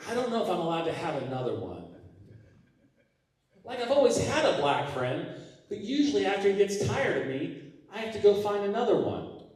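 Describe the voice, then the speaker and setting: A man doing a stand-up comedy set on a theater stage, with a halting, deadpan delivery full of fillers. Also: sits high, a crowd in the background. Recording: roomy hall sound from a distance. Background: audience laughing.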